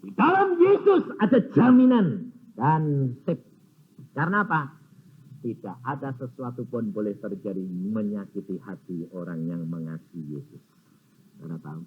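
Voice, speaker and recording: A man's voice: on the low side, big pitch swings, moderate pace. A man preaching a sermon, telling stories animatedly and acting out both sides of conversations. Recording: tinny phone-like sound with faint noise.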